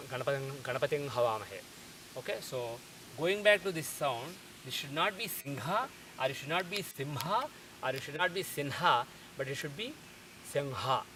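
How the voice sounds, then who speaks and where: A man teaching a lesson, explaining carefully and slowing down to sound out example words. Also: a little high, fairly bright tone, a little hiss or hum, rough recording.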